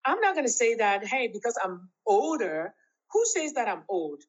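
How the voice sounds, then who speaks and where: A woman's voice: very animated, normal speed. Emphatic woman in her fifties, dull audio. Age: 50s. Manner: emphatic and laughing, swoops up in pitch. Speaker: interview guest. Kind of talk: casual interview chat.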